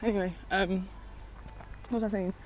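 A woman's voice: medium pitch, steady tone, normal speed, a little mellow. A young woman chatting casually as she walks outdoors, rambling and confiding, recorded on a wired earphone mic. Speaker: vlogger, mother. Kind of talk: casual walking vlog chat. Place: outdoors on a city street. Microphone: wired earphone mic, phone at arm's length. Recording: street noise and passing traffic.

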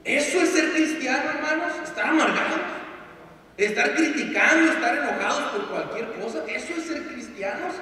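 A man preaching a sermon, his voice high and bright as it carries through a church. He is heard from a distance, with a long, booming echo around him. He acts out the voices of grumbling complainers, then drops back into his sermon. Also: expressive, moderate pace. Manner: acts out bitter complainers in a raised voice. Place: church sanctuary. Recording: echoey hall from far off.

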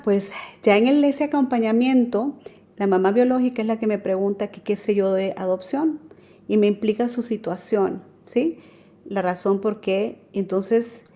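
A woman's voice: medium pitch, dark tone. A woman telling her personal faith story as a radio guest, earnest and full of fillers. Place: radio studio.

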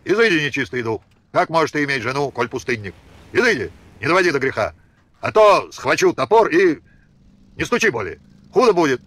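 A stern old Old Believer father, played by a male reader, barking commands in rustic dialect. His voice swings widely between low growls and sharp outbursts. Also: animated, normal speed. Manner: harsh, commanding, threatening, rustic speech.

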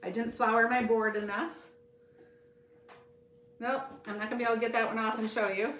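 A woman's voice: a little high, level tone, moderate pace, a bit bright. Middle-aged woman chatting in echoey kitchen. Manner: chatty and friendly, talks to viewers while working. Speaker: cooking show host. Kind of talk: live cooking demonstration. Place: home kitchen, indoors. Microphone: fixed camera across the counter. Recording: roomy kitchen echo.

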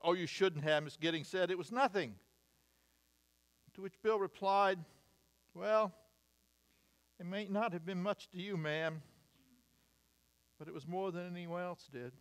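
High-voiced older pastor preaching. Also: male voice. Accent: American. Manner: measured, wry asides, reading lists emphatically. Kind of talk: sermon. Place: church sanctuary, at a wooden pulpit. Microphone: pulpit mic, far camera.

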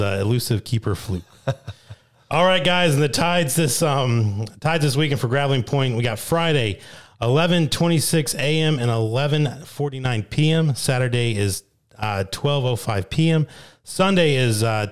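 A young man with a New Jersey accent hosts a weekly fishing report, reading catches from his notes into a boom mic on an arm while wearing headphones. He sounds upbeat, rattling off names and catches in quick lists. He's indoors in a small studio with a brick wall.

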